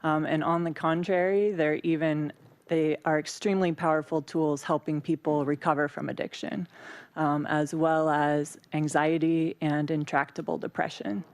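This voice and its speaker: A woman's voice: deep voice, flat delivery, normal speed, a little mellow, dry recording. A woman speaking off the cuff at a city council public comment, hesitant and full of ums. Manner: hesitant, many ums and uhs.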